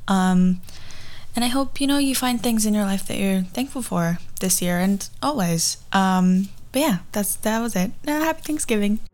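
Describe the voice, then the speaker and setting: A woman's voice: medium pitch, lively intonation, moderate pace, a little mellow. A woman of twenty-one hosting a casual podcast from a garage, telling personal stories in a chatty, rambling way that often backtracks. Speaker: podcast host. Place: recorded in a garage.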